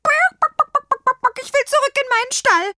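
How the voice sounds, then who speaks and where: A woman's voice: very high voice, fairly quick, sharp tone, dry recording, clean studio sound, faint music behind, voice pushed up. A woman voicing an overwrought female hen who clucks shrilly in a storybook reading. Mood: frantic.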